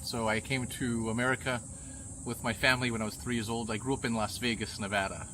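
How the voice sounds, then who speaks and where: A middle-aged man from Pakistan who grew up in the United States, answering a street interview thoughtfully with many pauses. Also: medium pitch, flat delivery, noisy background. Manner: thoughtful, measured, frequent "uh" pauses. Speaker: interviewee, visiting tourist father.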